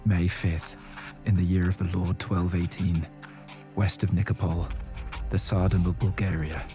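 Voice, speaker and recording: Over music, a man narrates a video game quest in the role of a devout, brooding medieval warrior. The scripted narration is solemn and pious, delivered in a low, unhurried voice that barely moves in pitch.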